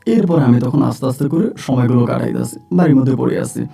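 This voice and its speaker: Man, first-person storyteller, plain and repetitive, mellow tone, a bit off-mic. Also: medium pitch, quick pace, creaky, soft background music. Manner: plain, repetitive telling with frequent fillers. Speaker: storyteller recounting his own life. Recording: voice distant from the mic.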